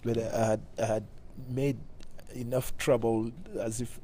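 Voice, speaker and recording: A middle-aged man from Cameroon, a bassist talking casually in an interview with many halting restarts. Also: level tone, dark tone, a little hiss or hum. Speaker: guest bassist.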